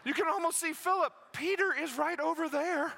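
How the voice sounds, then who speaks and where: A man's voice: very high-pitched, normal speed, vocal fry, pushed and bright, slight background noise. A man preaching a sermon, telling a story with energy and acting out the voices of the people in it. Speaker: pastor.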